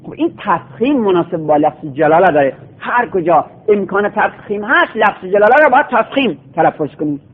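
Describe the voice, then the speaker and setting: Male teacher, high voice, classroom lecture style, drills word forms in repeated lists; tinny, phone-like sound. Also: expressive, few pauses, breathy edge. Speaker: teacher of Quranic recitation and Arabic grammar.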